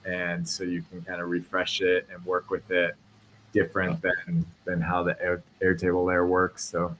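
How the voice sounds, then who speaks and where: Low-voiced male podcast host. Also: moderate pace, slight background noise, poor audio. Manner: relaxed, reads sponsor spot. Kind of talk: casual tech podcast chat.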